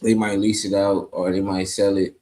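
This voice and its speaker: A man co-hosting a casual chat, explaining things in a relaxed, drawn-out way. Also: deep voice. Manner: laid-back, explains at length.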